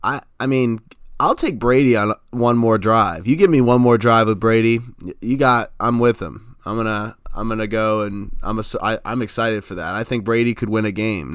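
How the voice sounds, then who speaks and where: A man's voice: lowish voice, normal speed, fairly bright tone, clean tone, no echo, clean studio sound. A man co-hosting a sports podcast, giving opinionated football analysis in casual chat. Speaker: podcast co-host.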